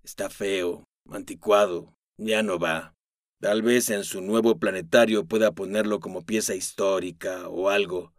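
A man reading an audiobook, voicing a weary, soft-spoken middle-aged mechanic. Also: sits low, fairly even intonation, a little slow, dry recording, studio quality. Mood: resigned.

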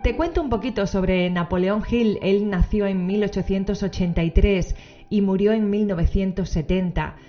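Woman podcast host, dull lo-fi recording. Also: fairly low pitch. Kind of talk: solo podcast book summary, semi-scripted narration. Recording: dull lo-fi audio, faint music behind.

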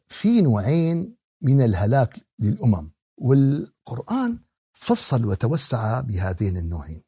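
A man's voice: medium pitch, mellow, slightly rough, no room sound, studio quality. A man with a Syrian Arabic accent giving a conversational Quran lesson, asking rhetorical questions and repeating key words as a preacher. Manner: conversational, with everyday examples and acted exchanges. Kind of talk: religious lesson on Quran exegesis, mixing classical recitation with colloquial talk.

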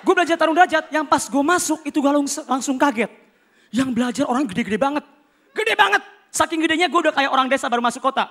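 High, bright-voiced man doing stand-up. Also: fast. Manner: animated, acts out characters with shouts and shifting voices. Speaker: stand-up comedian. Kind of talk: stand-up comedy routine.

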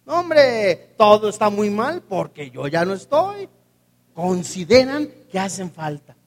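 A man's voice: high voice, big pitch swings, a little slow, big-room sound, slight background noise. A man preaching a sermon emphatically, putting rhetorical questions to his congregation.

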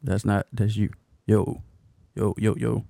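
A man's voice: on the low side, flat delivery, unhurried, gravelly, mellow, no room sound. A young man co-hosting a casual podcast, ranting bluntly, swearing and laughing often. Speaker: podcast co-host.

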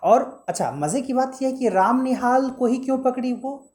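A woman's voice: sits high, expressive, normal speed, darkish tone. A woman teacher reading a story aloud and explaining it, stopping to ask and answer her own questions and to explain word meanings, with English words mixed in.

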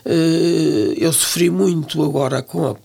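A woman's voice: low voice, fairly even intonation, slow, gravelly, mellow. An older woman with a European Portuguese accent, talking as an interview guest in a reflective, hesitant way, often restarting her words. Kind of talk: relaxed interview conversation.

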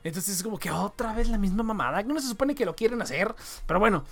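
A man's voice: high-pitched, expressive, fast, vocal fry. Man, podcast host, slangy and profane, casual joking banter. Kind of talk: casual chat.

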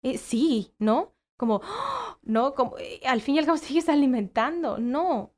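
A woman's voice: sits high, moderate pace. A woman, a guest who works with children, talking in a casual conversation and acting out quoted voices as she explains. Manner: animated, acts out quoted voices.

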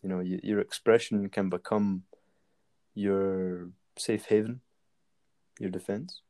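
A man's voice: sits low, steady tone, takes it slowly, mellow. A man talking casually and rambling, with many fillers and restarts. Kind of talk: casual conversation.

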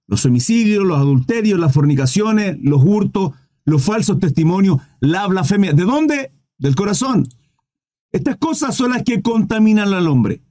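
A man preaching on a Bible passage in a live stream, reading verses and asking rhetorical questions, often clearing his throat. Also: high voice, dark tone. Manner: reads scripture aloud and preaches on it, with rhetorical questions.

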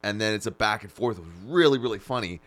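A man co-hosting a podcast, casually retelling comedy sketches in an animated way. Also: on the low side, fast talker, faint music behind. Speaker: podcast co-host. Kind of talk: casual chat.

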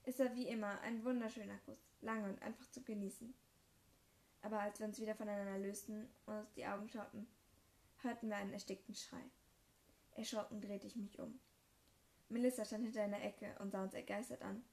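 A woman reading her own first-person fan fiction story aloud in a plain, even narrating voice. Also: mid-range voice, a little fast, vocal fry.

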